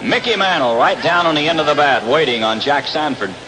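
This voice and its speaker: A man with an American accent delivers live play-by-play of a baseball game at an outdoor ballpark, heard over a noisy 1960s radio broadcast. He sounds animated, slightly high-pitched and a little fast, while loud ballpark noise surrounds him.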